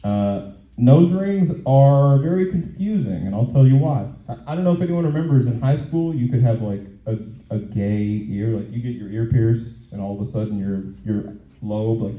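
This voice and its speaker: A man performs stand-up comedy on stage at an open mic in an echoey room. His delivery is conversational and halting, often circling back to repeat a phrase. The sound is a little dull, and his voice sits at a middling pitch. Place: live comedy venue on stage.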